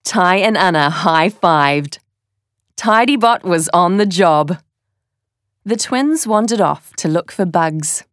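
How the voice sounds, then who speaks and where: Woman narrator, children's read-aloud, unhurried and deliberate, dry close mic. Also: lowish voice, lively intonation, no room sound. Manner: slow, deliberate storytelling.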